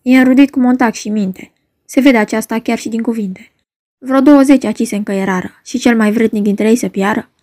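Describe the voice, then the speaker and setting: A woman's voice: fairly high pitch, dark tone, dry recording, clean studio sound, close to an everyday voice. A woman reading as a grieving vengeful countess. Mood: lamenting. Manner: lamenting, demanding. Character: noble mother, shrill in grief, vengeful. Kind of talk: dramatic reading of a play.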